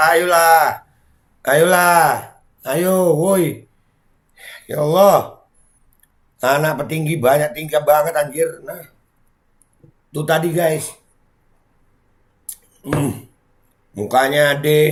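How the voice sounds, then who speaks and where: A man, doing angry reaction commentary with shouted outbursts, sighs and swearing. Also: on the high side. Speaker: vlogger reacting to news.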